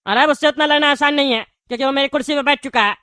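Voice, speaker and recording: A woman's voice: high voice, very fast, bright, forceful tone, no room sound, studio quality. A woman voicing a bald male politician in jail, boastful but cowardly, in a comedy sketch. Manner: blustering then fawning.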